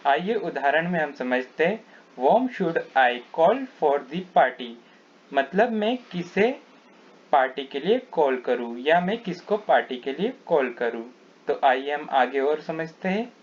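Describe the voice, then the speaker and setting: Male teacher, very slow deliberate delivery, slightly high voice, dull lo-fi sound. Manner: repeats each word and meaning, reads examples slowly. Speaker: English teacher. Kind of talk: slow spoken grammar lesson. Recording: dull lo-fi recording.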